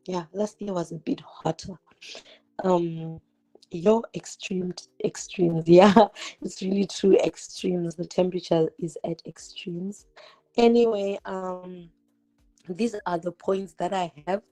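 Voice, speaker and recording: Her voice is lowish and dark, fairly even in intonation and slow, captured on a rough recording. She's a Zimbabwean woman in her twenties, not a native English speaker, hosting a chatty livestream from her home kitchen while she cooks and fireworks pop outside. She addresses viewers directly, with rhetorical questions and frequent "like" fillers.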